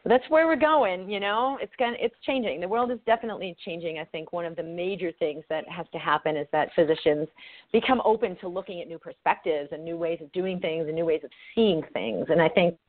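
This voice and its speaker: A woman's voice: on the low side, fairly quick, no room sound. A woman physician talking earnestly as a guest in an interview, heard over a call whose audio keeps breaking up. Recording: tinny dry call line, breaking up.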